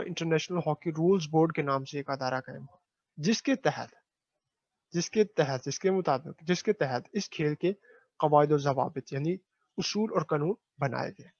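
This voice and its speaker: A man's voice: a little high, darkish tone, no echo. Man teaching a lesson in a dry, dull recording. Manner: explains words slowly, asks and answers his own questions. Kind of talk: classroom lecture reading and explaining a textbook.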